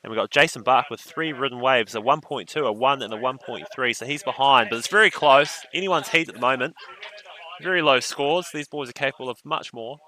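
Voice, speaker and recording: A man's voice: mid-range voice, a little fast, sharp tone, low-quality recording. A man commentating a surf contest on a live stream, with laid-back, joking banter.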